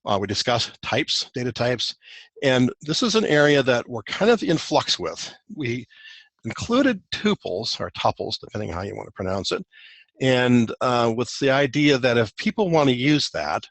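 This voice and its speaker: A man's voice: mid-range voice, very animated, normal speed, no echo. A man presenting a technical guide in a recorded webinar walk-through, explaining loosely with many fillers and restarts.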